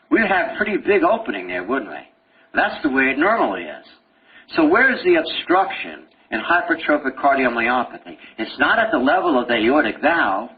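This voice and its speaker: Animated man lecturing over a tinny recording. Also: medium pitch. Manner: animated, joking, asks the class questions. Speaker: medical lecturer. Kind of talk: classroom lecture. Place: lecture hall with students.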